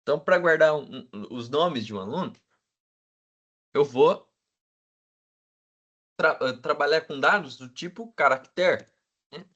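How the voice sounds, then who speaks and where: A man teaching a class, checking in with the students all the time and filling pauses with hesitant sounds. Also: on the high side, lively intonation, a bit bright, dull audio. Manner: asks the class for agreement constantly; fills with "né?" and hesitant "é". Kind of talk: classroom lecture.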